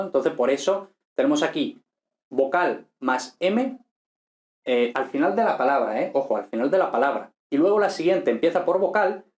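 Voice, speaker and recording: Chatty lecturer in an echoey room. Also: male voice, a little high, darkish tone. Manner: thinks aloud, many tag questions and restarts. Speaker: Latin teacher. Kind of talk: informal recorded lecture.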